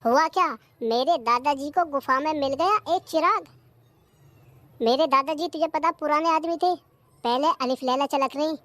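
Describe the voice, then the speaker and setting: A bragging young cartoon villager, voiced by a voice actor, spinning a wild story with full conviction. His voice is high and sounds dry and close to the mic. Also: moderate pace, fairly bright tone, dry recording. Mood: boastful. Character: boastful young villager spinning a tall tale. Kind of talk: cartoon comedy voice acting.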